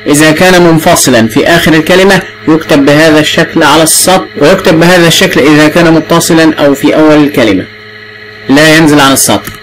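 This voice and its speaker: A man's voice: on the high side, fairly bright tone, poor audio. A man with an Egyptian accent teaching the alphabet to young children, drawing out sounds and prompting patiently. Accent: Egyptian Arabic. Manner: patient, drawn-out and repetitive prompting.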